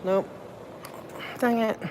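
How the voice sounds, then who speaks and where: A woman speaks extremely slowly on a noisy phone livestream, filming city meetings from public building hallways and elevators. Her casual chat rambles as she thinks aloud and thanks her viewers.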